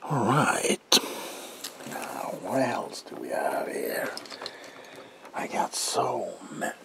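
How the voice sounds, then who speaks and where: A man playing a manic, sinister comic-book villain as examiner in a whispered ASMR roleplay, with a gravelly, breathy voice and theatrical, unhinged delivery. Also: mid-range voice, sing-song, exaggerated voice. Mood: playfully menacing. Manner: theatrical, drawn-out words with unhinged swings.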